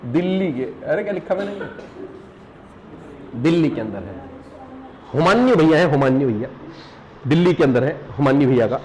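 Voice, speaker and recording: In a low-quality recording with a bit of background noise, a hill man from Uttarakhand teaches a live exam revision session in Pahari-tinged Hindi. His fairly high, slightly mellow voice is expressive at a moderate pace, with long pauses. He repeats material, quizzes the class, calls students "beta," and mixes in jokes and laughter.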